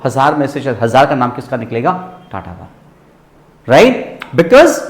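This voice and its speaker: A man teaching a business class in a lively lecture style, often checking in with his students. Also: sits high, echoey room. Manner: lively, asks students rhetorical checks, mixes English into Hindi.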